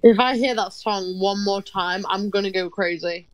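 A woman's voice: medium pitch, moderate pace, poor audio. A woman chatting with a friend during a game, teasing him and laughing often. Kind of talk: casual chat while gaming.

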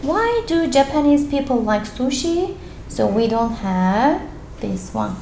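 Speaking slowly in a high, very animated voice with a dark tone, a Turkish-speaking woman teaches English by reading worksheet questions aloud and explaining each answer step by step. She sits indoors at a desk over a paper worksheet, in an echoey room with slight background noise.

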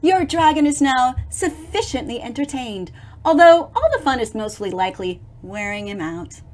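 This is a middle-aged woman with a high-pitched voice reading to little children from a picture book. Expressive and dramatic, she stops to explain details with heavy, theatrical emphasis.

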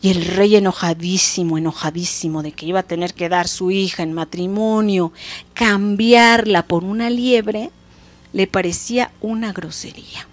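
A woman, hosting a show and telling a folk tale in a lively, expressive, casual way. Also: mid-range voice, moderate pace. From Mexico. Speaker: storyteller host. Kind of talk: folk tale storytelling for children.

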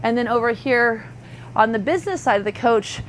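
A woman's voice: fairly high pitch, animated, normal speed. A woman, an RV sales associate, giving a thorough walkthrough tour inside a parked motorhome, talking chattily with fillers and self-corrections. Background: faint hum of air conditioning.

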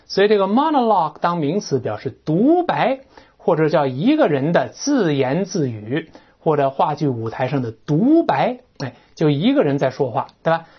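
Chatty English teacher, lively swooping delivery, dull lo-fi recording. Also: medium pitch, moderate pace, husky. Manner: animated, chatty, imitates sounds, often asks "right?". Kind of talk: classroom-style lecture on vocabulary.

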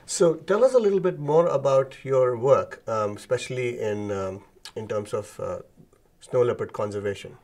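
A middle-aged man hosting a formal interview in a studio, introducing his guest and asking questions in a measured way. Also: medium pitch, a little mellow. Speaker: interviewer, program director. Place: dark studio set, seated. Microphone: lapel mic.

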